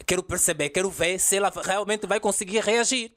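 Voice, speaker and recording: A man's voice: high voice, brisk, crowd noise. Guy teaching english on a podcast, emphatic, keeps throwing in english phrases. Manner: emphatic, explanatory, drops in English example phrases. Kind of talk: podcast interview.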